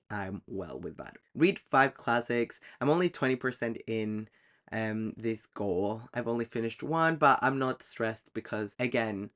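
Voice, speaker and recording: A book vlogger talks casually to camera about his reading goals, chatty and self-deprecating with lots of ums. His voice is on the low side and a bit bright.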